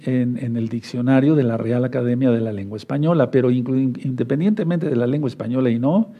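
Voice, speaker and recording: Teaching a Bible study sermon in a mellow, medium-pitched voice, a man calls his listeners beloved brothers and asks them to take notes. He repeats key points and spells out words along the way.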